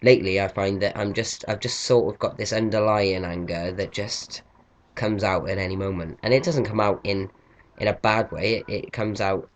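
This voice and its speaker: A man's voice: fairly low pitch, fairly even intonation, moderate pace, dull audio. A young man, telling a story in a casual, chatty vlog and swearing freely. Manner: chatty, swears freely, acts out quoted reactions. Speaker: vlogger.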